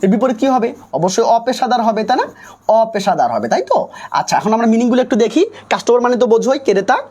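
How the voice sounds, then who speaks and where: A man's voice: very high-pitched, expressive, fast, a little mellow. A young man teaching English for nursing exams in a live online class, coaxing students and repeating himself as he quizzes them.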